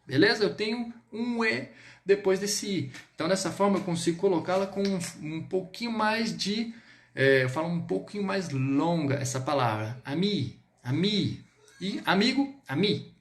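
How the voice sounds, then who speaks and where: A man with a Brazilian Portuguese accent teaching a French lesson online, lively and spelling words out slowly. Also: high voice. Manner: lively, drills words slowly, switches between two languages.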